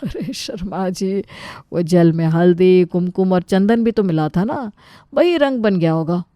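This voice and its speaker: A woman's voice: lowish voice, unhurried, no room sound, muffled recording, lightly acted. A woman voicing a flustered young man who keeps making placating excuses.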